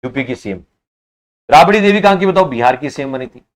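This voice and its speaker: Animated man teaching an exam class. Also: medium pitch, a little fast. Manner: quizzing students, repeating answers; scolding and urging the class. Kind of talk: online class lecture.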